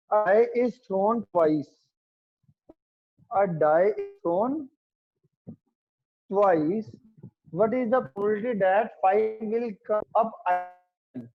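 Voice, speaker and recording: Male teacher on a video call, high voice, slow and patient, audio keeps glitching and cutting out, dull lo-fi sound. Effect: choppy glitchy audio that keeps cutting out. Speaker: maths teacher. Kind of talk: online class explaining probability.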